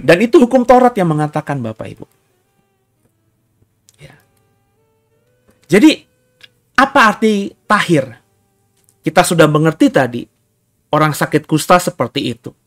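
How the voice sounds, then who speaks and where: A man pastor preaching a sermon, reading scripture aloud and acting out the cries of the people in it. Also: on the high side. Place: church hall.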